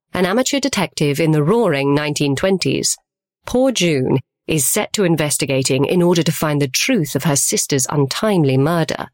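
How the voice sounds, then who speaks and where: A woman's voice: low-pitched, dry recording, clean studio sound. A woman hosting a podcast and reading a scripted sponsor message. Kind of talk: scripted ad read.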